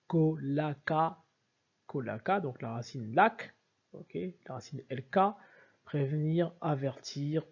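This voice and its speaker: A man explaining word origins in a video lecture over slides speaks with a fairly high, mellow, husky voice on dull audio. Emphatic and repetitive, he keeps urging the listener to look, repeating "regardez" and "bien sûr".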